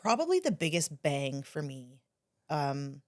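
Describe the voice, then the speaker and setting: A woman who owns a bakery, a podcast guest, talking in an animated, gushing way. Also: sits low, unhurried, no room sound, clean studio sound. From Ontario, Canada. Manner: animated, gushing, laughs easily. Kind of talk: casual chat.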